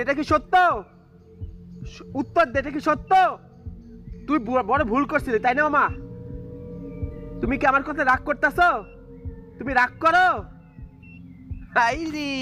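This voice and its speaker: A man's voice: extremely high pitch, sharp tone. A man, filming a ghost-hunting vlog outdoors in a graveyard at dusk, taunting the dead and reciting prayers in an agitated way. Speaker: vlogger.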